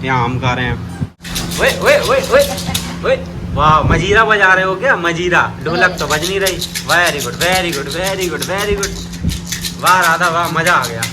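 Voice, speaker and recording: A man's voice: sits high, lively intonation, measured pace, music in the background. A man chatting casually for a family vlog, teasing kids and joking around. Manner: playful, teasing, talks to little children. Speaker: vlogger. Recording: noisy outdoor phone recording.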